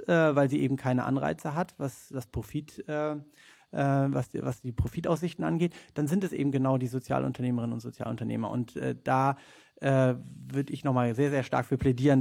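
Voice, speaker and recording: A man's voice: mid-range voice, vocal fry, a little mellow. A man speaking as a podcast guest, hesitant, with many filler sounds and restarts. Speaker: podcast guest, head of a nonprofit. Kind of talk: podcast conversation.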